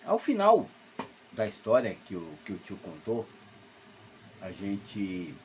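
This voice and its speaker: A Brazilian man in his 50s from Salvador tells a spooky story from his childhood while alone at home, rambling and hesitant, full of fillers and restarts. His voice is on the low side with huge pitch swings and a slow pace. There's a noisy background behind this casual spoken ghost tale.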